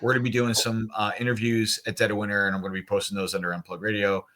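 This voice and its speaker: A man, an event organizer, chatting on a podcast in an animated, jokey way, with bursts of loud mock outrage. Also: on the low side, racing. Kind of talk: casual podcast chat.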